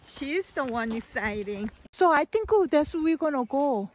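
A woman's voice: high voice, expressive, moderate pace, no echo. A middle-aged woman chatting on a forest hike, often exclaiming and laughing, with simple non-native phrasing, recorded outdoors on a handheld phone. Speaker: vlog host. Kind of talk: casual hiking chat.

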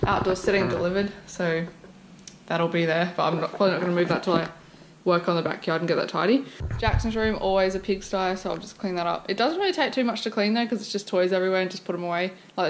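A young woman gives a relaxed, rambling tour of her messy family house, talking to a handheld camera as a vlogger. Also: mid-range voice, rough recording. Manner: relaxed, rambling, frequent ums and likes. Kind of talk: casual house-tour chat. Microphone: wide-angle action camera carried by hand. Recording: audible background noise.

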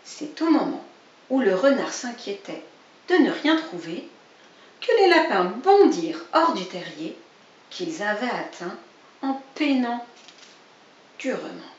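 A woman reading a children's storybook at an unhurried pace, her pitch rising and falling expressively. She speaks directly to a young listener. The sound is echoey and dull, as if the mic were far off. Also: very animated, slight background noise. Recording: dull, roomy, distant recording.

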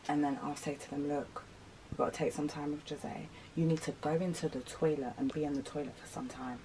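A young woman plotting a prank with a friend, animated and scheming, acting out what she'll say. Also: low-pitched, brisk, background noise. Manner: animated, scheming, acts out lines. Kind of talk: casual chat.

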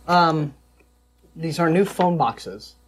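Higher-pitched man co-hosting a talk show. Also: expressive, slow pace, a little hiss or hum, rough recording. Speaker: call-in show co-host. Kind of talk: casual panel talk. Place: small TV studio.

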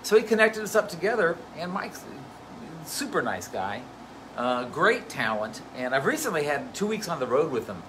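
Chatty bassist with a humming background. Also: male voice, noisy background. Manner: chatty, anecdotal, loose with fillers. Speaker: bassist and band musical director. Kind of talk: casual live Q&A talk.

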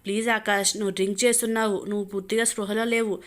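A woman's voice: medium pitch, level tone, fast talker, close to an everyday voice. A woman reading a desperate pleading bride. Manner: pleading, tearful, loud.

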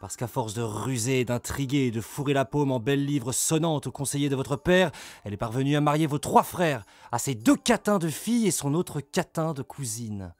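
A man's voice: medium pitch, expressive, moderate pace, dry recording, natural voice. Man voicing a raging, blustering medieval lord. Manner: loud, coarse and vehement. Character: brawny furious medieval male lord, blustering.

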